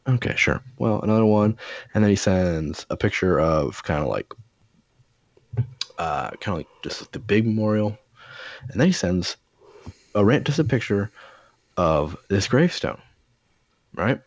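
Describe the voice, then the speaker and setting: A man with a very low voice tells stories in loose, rambling casual chat, full of fillers and swearing. The sound is dry and a little dull and lo-fi, with no room around it. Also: expressive, a little slow, pauses often, no echo. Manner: rambling storyteller, profane, lots of fillers.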